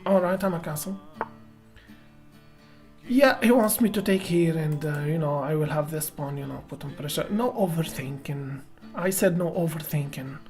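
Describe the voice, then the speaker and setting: A woman's voice: low-pitched, moderate pace, music in the background. A woman streaming chess, greeting viewers by name and thinking aloud about her moves with hesitant restarts. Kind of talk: live-streamed chess commentary.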